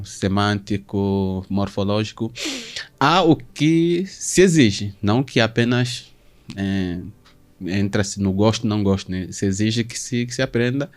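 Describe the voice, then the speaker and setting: A man from southern Brazil hosting an interview, asking long questions in formal, halting phrasing with many restarts. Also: fairly low pitch, clear, resonant tone. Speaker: host.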